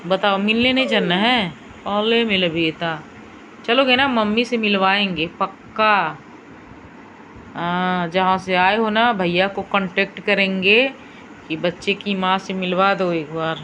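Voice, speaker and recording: A woman filming her pet dog, mixing cooing baby talk with sharp high commands. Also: a little slow, slight background noise. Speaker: dog owner. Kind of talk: casual pet vlog.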